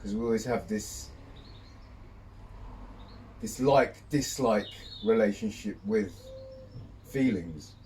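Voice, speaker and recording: A low-voiced man talks slowly and reflectively as he sits in ice cold water. He pauses often between short phrases, and is heard from a little way off the mic, outdoors. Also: darkish tone. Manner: speaking while sitting in ice cold water, measured with pauses. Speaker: vlogger. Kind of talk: reflective talk to camera. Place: outdoors, birdsong behind. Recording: distant mic, faint outdoor noise.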